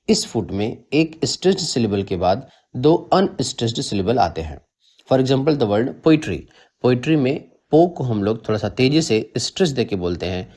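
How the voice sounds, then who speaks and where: A man's voice: medium pitch, a little mellow. A man narrating a literature lesson, reading terms in English and explaining them in Hindi. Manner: measured, explains each term in Hindi after reading it in English. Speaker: literature teacher.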